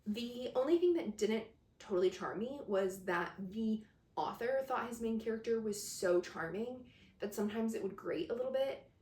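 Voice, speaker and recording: A woman's voice: on the high side, expressive, moderate pace, a little mellow. Chatty woman gushing about books. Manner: chatty and gushing, with frequent laughs. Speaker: book reviewer. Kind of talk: casual chat. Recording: roomy sound from a distant mic.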